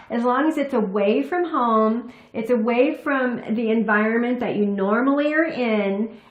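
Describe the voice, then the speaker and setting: A woman's voice: a little high, echoey room, lo-fi sound. A woman hosting a relationship advice talk, speaking earnestly and often asking "right?" to check in with the viewer. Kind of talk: casual advice talk to camera.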